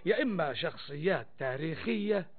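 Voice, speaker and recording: An actor playing a wry, playful storyteller in the Arabic café manner, with an Egyptian accent, theatrically addressing listeners in rhymed colloquial prose. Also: male voice, on the high side, animated, fairly quick. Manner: theatrical, addresses listeners, poses and answers questions. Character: wry, playful male storyteller mocking high society. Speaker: narrator. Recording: thin phone-like old radio sound, music behind.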